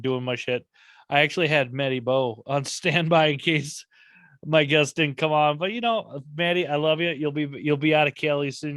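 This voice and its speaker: Male podcast host, relaxed rambling delivery, casual cursing, dry close sound. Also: on the high side, no room sound. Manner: laid-back, swears freely, rambling.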